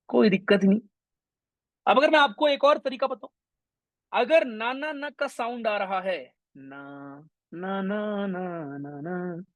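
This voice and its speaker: A young man teaching English grammar in an online exam-prep class, energetic and mixing English terms into his talk. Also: sits high, no echo. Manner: energetic, mixes Hindi with English terms, addresses students as brothers.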